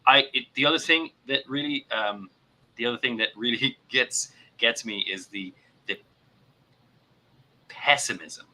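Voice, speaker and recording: An earnest man co-hosting a casual talk about mental health. His voice is very bright and forward, and he often repeats words as he gathers his thoughts. Now and then he acts out examples in a put-on voice. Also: medium pitch, measured pace, low-quality recording. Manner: puts on voices to act out examples. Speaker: podcast co-host.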